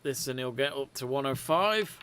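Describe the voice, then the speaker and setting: A man hosting a live snooker watch-along, giving measured, conversational play-by-play commentary. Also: mid-range voice, expressive, background noise.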